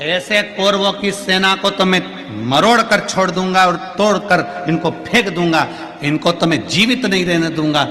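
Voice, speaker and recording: A man's voice: high voice, fairly even intonation, normal speed, bright, forceful tone. A man voicing a boastful mighty warrior. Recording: long hall reverb, faint music.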